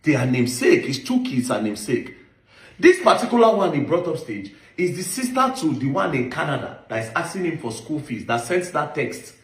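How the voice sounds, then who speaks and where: A man's voice: fairly high pitch, sing-song, fairly quick. A man with a Nigerian accent giving an impassioned, accusatory monologue, stressing points with rhetorical questions. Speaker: online commentator. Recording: echoey room.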